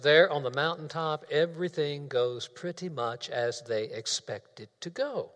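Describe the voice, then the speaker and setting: A man preaching a sermon in a church, speaking in a measured way and repeating key phrases for emphasis. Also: fairly high pitch, fairly bright tone. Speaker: pastor. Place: church sanctuary. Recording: long reverb of a church hall.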